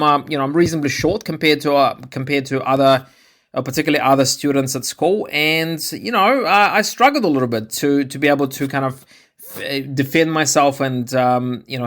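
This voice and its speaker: A middle-aged man from Ukraine telling a personal story on his podcast, hesitant, with many fillers and restarts. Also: fairly high pitch. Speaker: podcast host. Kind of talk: personal story, casual monologue.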